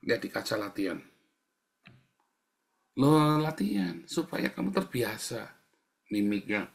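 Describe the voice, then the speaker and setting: A middle-aged male pastor preaching a sermon in a casual, conversational way, often calling the listeners "saudara" and acting out quiet, whispered prayers. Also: mid-range voice, big pitch swings, measured pace, vocal fry. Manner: casual colloquial Indonesian preaching.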